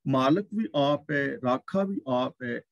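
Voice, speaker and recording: A man giving a Sikh scripture exposition, chanting verse lines slowly and then explaining them in a measured, repetitive teaching cadence. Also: mid-range voice, expressive, creaky, no room sound, lo-fi sound.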